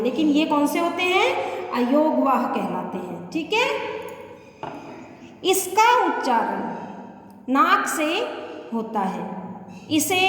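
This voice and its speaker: High-voiced Hindi teacher in an echoey room. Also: female voice, fairly bright tone. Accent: Rajasthani Hindi. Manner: patient, repeats points and checks in with "ठीक है?". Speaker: primary school Hindi teacher. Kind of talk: classroom lesson explaining Hindi letters to children. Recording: echoey room with long reverb and faint noise.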